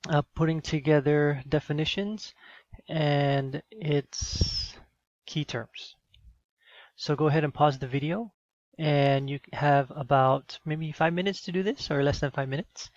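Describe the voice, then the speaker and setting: A man talks through a screencast lesson in a patient, explanatory way, pausing on fillers and checking in with his listeners. His voice sits a little high for a man. The sound is dry and slightly dull, like a close computer mic at home. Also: no echo. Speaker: teacher.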